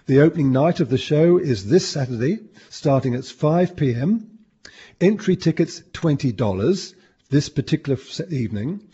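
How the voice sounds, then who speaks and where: A hoarse man in chatty radio talk, wry and clearing his throat now and then. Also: fairly high pitch, animated, moderate pace, warm tone, highs cut off. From Australia. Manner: chatty, wry, reads out items.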